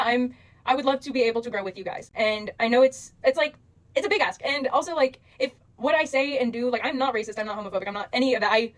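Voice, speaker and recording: A young woman casually addressing her followers as a social media creator, rambling and gushing with lots of fillers. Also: fairly high pitch.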